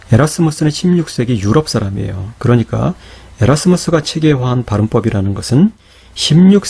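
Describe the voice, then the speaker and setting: A middle-aged man giving a patient Greek grammar lecture, asking rhetorical questions and slowing down to sound out syllables. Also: medium pitch, vocal fry, mellow, husky. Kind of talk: explanatory lecture.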